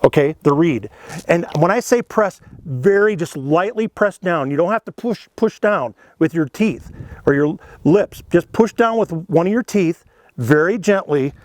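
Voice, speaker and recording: A middle-aged man with a slightly high voice, teaching in a folksy, earnest way. He walks the listener through each step with casual asides and a plain, unhurried tone. The sound is dry and close, with no room echo. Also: expressive, darkish tone. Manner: folksy, earnest, explains step by step with "you know" and "okay". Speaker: elk calling instructor. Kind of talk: casual instructional demonstration.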